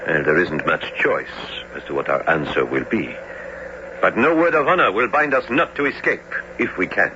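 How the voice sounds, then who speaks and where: An actor playing a courteous, reasoning professor in a formal, articulate radio drama manner. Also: male voice, low voice, expressive, moderate pace. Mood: earnest, protesting. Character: courteous, reasoning professor and narrator, calm-headed. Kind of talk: old-time radio drama acting and narration. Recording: muffled lo-fi radio recording, noisy.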